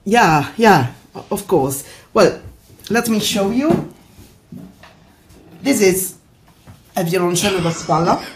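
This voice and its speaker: A woman's voice: on the low side, darkish tone. An Italian woman, native Italian speaker, answering interview questions over a video call from her home in the mountains, with a strong Italian accent, searching for words in English. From Italy. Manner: searching for words in a second language. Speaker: guest, violin maker.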